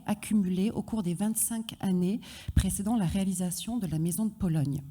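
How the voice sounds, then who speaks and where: A woman's voice: medium pitch, warm tone. A woman film historian presenting a formal academic talk at a symposium. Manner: formal, read-out analytic delivery.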